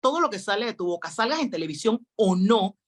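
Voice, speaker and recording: A middle-aged woman, a guest on a talk show, telling her stories in an expressive, quick, anecdotal way. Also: mid-range voice. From Panama. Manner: expressive, quick anecdotal delivery with acted quotes. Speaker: guest, public speaking trainer. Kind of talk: animated storytelling in a talk show interview.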